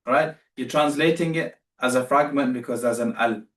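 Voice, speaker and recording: A man's voice: mid-range voice, normal speed, fairly bright tone. Patient male teacher, roomy distant sound. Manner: patient, repeats himself, corrects students. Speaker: Arabic teacher. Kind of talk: live online class.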